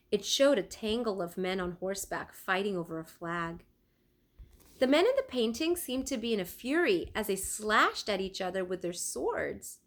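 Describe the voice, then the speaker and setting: A woman with a medium-pitched voice reads a children's storybook aloud in a teacherly way, expressive and deliberate, stopping now and then to ask her listeners questions.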